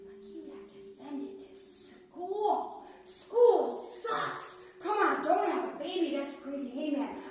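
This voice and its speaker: A woman putting on a crude, laid-back stoner dude with a lazy drawl and a high voice for a guy. The voice is heard from well back from the mic, and the room rings around it with a faint hiss underneath. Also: recorded from a distance. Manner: drawling slacker talk. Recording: echoey room heard from afar.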